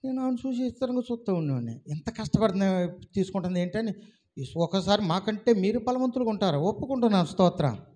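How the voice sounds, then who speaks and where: A man preaching as a pastor, telling stories with lively acted-out dialogue, often calling out to his congregation. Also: high-pitched, quick pace. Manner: animated storytelling, acts out a villager woman's words, calls out to the congregation. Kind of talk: sermon.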